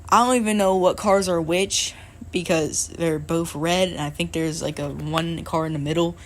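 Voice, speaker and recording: Young woman, rambling casual chat, slightly low pitch, faint background noise. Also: fairly even intonation, moderate pace. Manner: rambling, unsure, laughs now and then. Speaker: league member narrating history.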